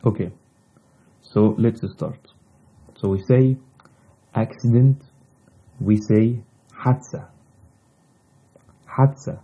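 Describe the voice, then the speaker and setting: Slow, low-pitched man teaching a language. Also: husky, lo-fi sound. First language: Arabic. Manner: deliberate, halting phrasing in short segments. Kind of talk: slow instructional language lesson.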